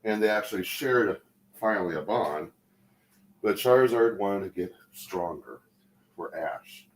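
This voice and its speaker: A man's voice: on the low side, lively intonation, measured pace. A man chatting casually as a co-host on a livestream. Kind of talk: casual chat about pop culture. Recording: echoey room with faint noise.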